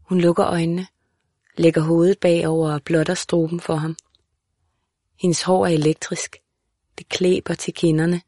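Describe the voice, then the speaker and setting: A woman reads a literary audiobook in a calm, measured voice that sits a little low. The sound is dry and close, with no room around it. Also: no room sound. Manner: calm, measured, even reading. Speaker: audiobook narrator. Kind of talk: scripted literary narration.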